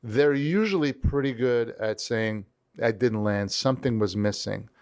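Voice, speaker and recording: A man talking as an interview guest, with an animated storytelling manner. He acts out the voices of people he quotes, and his pitch moves around a lot as he explains his points. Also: measured pace, clear, resonant tone. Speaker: leadership strategist guest. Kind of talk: conversational interview.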